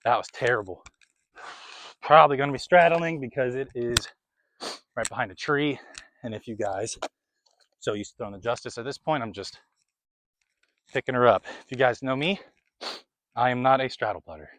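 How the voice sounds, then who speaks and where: A young man gives casual, chatty play-by-play of an outdoor disc golf round, a little out of breath as he comments between throws. His voice sits at a medium pitch with a somewhat bright quality, moving at a normal speed with frequent pauses.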